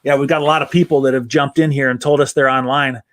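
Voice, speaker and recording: A man's voice: medium pitch, steady tone, fast, a bit bright. An American man hosting a casual, enthusiastic live-stream chat outdoors in a backyard. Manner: upbeat, enthusiastic. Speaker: host.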